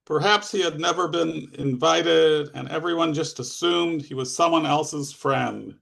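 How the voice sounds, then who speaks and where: A man's voice: on the high side, a little slow, vocal fry, fairly bright tone. A man, the author, reading his own fiction aloud at a live reading, with plain narration and occasional asides.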